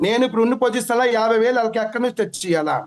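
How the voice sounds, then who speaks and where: A man with a Telugu accent talks in a high, rapid rush. He repeats himself as he hurries to lay out his complaint to the interviewer. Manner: urgent, repetitive, rushing to explain. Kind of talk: agitated phone-in complaint.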